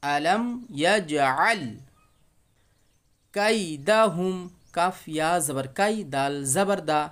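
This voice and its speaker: A man with a Bangladeshi Bengali accent, teaching Quran reading step by step. His voice is fairly high and smooth, and he spells out each syllable slowly before chanting the whole verse. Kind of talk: spelling-out recitation lesson.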